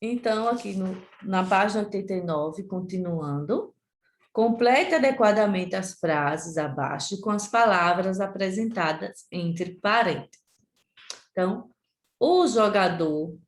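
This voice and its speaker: A woman teacher from Brazil with a Sergipe accent, giving a remote lesson to children and repeating words slowly and deliberately. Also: mid-range voice, animated, reverberant. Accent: Sergipe Brazilian Portuguese.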